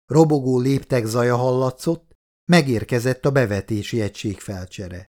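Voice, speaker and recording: A male audiobook narrator reading a thriller in an even, steady manner. His voice sits at an ordinary middle pitch. The delivery is scripted and clear.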